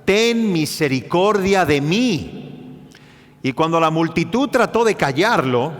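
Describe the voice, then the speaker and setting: Animated preacher man in a reverberant hall. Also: high voice. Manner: animated, acts out biblical cries with rising intensity. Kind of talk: sermon. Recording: church hall with long reverb.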